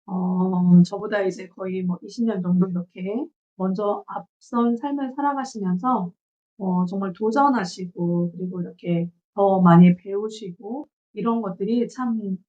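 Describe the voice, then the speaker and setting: A woman in her forties giving a measured, reflective book review from her notes, pausing often on filler sounds. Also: medium pitch, dark tone. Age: 40s. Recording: dull lo-fi recording.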